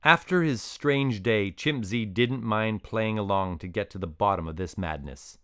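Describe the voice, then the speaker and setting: A man narrating a children's story in an even, descriptive way. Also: lowish voice, a little slow, clear, resonant tone, no room sound, clean studio sound.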